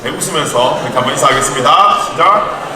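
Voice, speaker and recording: A man's voice: fairly high pitch, animated, fast talker, a crowd in the background. A man in his thirties who ministers to young adults, giving a conversational sermon and telling family stories with light humor in a church hall. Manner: chatty storytelling with light humor. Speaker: youth ministry evangelist. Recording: echoey church hall from far off.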